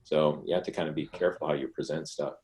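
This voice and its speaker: A man presenting a talk and answering questions in an online session, explaining in a relaxed conversational way with frequent restarts. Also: a bass voice, quick pace.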